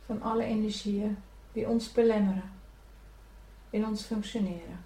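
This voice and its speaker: A woman leading a guided spiritual meditation, giving gentle, soothing instructions to breathe and relax. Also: medium pitch, steady tone, moderate pace. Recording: echoey room, from a distance.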